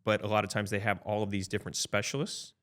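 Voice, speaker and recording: In a relaxed podcast chat, a fifties-aged man with a fairly low voice walks through insurance options as an advisor. He talks fast in a level, fairly bright tone, thinking out loud, doubling back to restart, and often tacking on "right?" to make sure the listener is with him.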